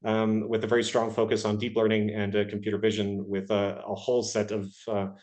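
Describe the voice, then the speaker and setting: Guy from ecuador, 30s, answering interview questions, kinda hesitant, low voice. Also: completely flat delivery, brisk, darkish tone. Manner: hesitant, many filler sounds. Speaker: guest, research engineer.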